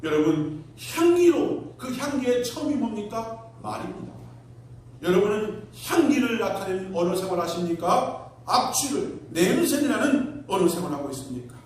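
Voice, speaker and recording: A man's voice: sits high, very animated, moderate pace. A male pastor preaching a sermon to his congregation, telling a story with acted-out quotes and building to emphatic peaks. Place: church sanctuary. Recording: echoey hall from far off, faint room noise.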